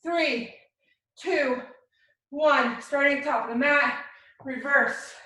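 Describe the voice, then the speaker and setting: A woman's voice: high voice, takes it slowly, sharp tone. A woman fitness instructor coaching a live workout in short, encouraging cues and countdowns. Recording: very echoey room, distant mic.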